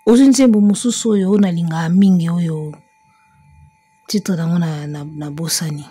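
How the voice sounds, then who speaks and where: A woman's voice: lowish voice, normal speed, dark tone, slightly rough, dry recording. A woman, giving chatty, emphatic music commentary. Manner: mixes French and Lingala, chatty and emphatic, breaks into song. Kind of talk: casual spoken commentary.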